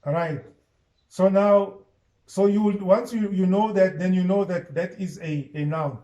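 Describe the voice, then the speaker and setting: A male teacher leads an online class, walking students step by step through a grammar lesson and quizzing them as he goes. His voice sits a little high for a man and has a mellow, dark tone. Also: measured pace, highs cut off. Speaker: Islamic studies and Arabic teacher.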